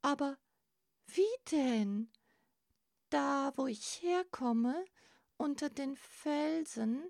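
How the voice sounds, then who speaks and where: A woman's voice: sits high, animated, drawn-out words, creaky, long pauses, a little mellow, no echo, studio quality, pitched above the performer's own voice, exaggerated voice. Grasper, a timid little crab, as a woman reads him. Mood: awed. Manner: wondering, stammering. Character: small timid young male crab.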